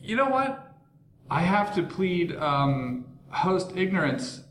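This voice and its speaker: A man's voice: high voice, big pitch swings, slow, fairly bright tone. A man hosting a podcast, mixing scripted announcements with casual asides, in an echoing hallway-like space. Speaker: podcast host. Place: echoing visitors' bullpen at a ballpark. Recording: echoey hallway-like room, background noise.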